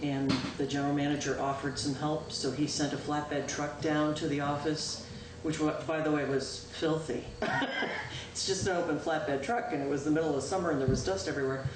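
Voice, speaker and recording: Here a woman serving as town clerk reports informally to the board, chatting loudly in a voice that sits low and holds a steady tone. She keeps stopping with "um" and fixing her own words. Picked up by a far-off room mic in the town meeting room, the local-access recording is distant, echoing and noisy.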